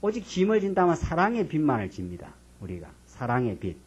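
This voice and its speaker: A middle-aged male pastor teaching a Bible study in a church, reading scripture slowly and dramatically and then explaining it in casual talk. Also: fairly high pitch, wildly swooping pitch, darkish tone, breathy edge. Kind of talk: Bible lecture sermon. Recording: dull lo-fi church lecture recording.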